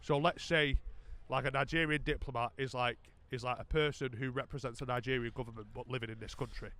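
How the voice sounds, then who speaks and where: Drunk, rambling British man, medium pitch. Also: fairly even intonation, fast, sharp tone. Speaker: podcast co-host. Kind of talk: casual rambling storytelling.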